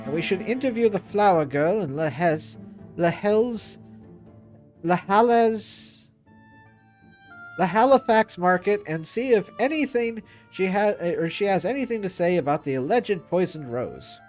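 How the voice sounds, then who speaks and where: A man's voice: high voice, expressive, normal speed, darkish tone, faint music behind. A man streaming a game, reading its dialogue aloud and stumbling over foreign words with self-mocking asides.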